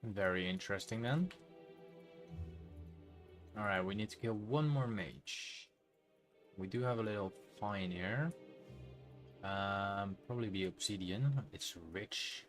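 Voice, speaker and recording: A man's voice: fairly low pitch, slow, long pauses, faint music behind. A man from the Netherlands with a Dutch accent, chatting casually and rambling while he streams a game. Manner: relaxed, rambling, self-correcting.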